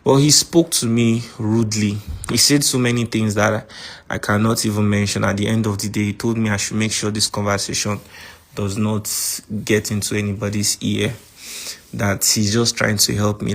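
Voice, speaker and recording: A man with a Nigerian accent recording a voice message to a friend, calmly recounting a grievance. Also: lowish voice. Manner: calm, measured account of a grievance. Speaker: podcast host.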